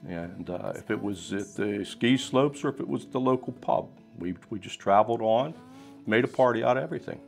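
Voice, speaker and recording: A man in his sixties from Pennsylvania tells loose, easygoing stories of his younger days. His voice sits on the low side, with faint music underneath. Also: brisk, vocal fry. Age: 60s. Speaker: interviewee. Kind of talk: documentary interview storytelling.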